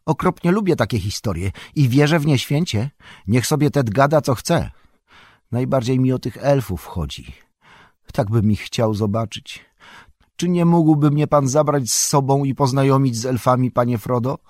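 A man's voice: medium pitch, lively intonation, normal speed, a little mellow, no echo, clean studio sound, pitched above the performer's own voice, natural voice. A man voicing a frightened young male hobbit gardener who pleads eagerly.

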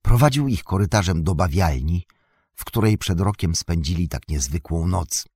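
Male audiobook narrator, measured storytelling, low and lively, dry close mic. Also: breathy edge, no room sound. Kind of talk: scripted narration.

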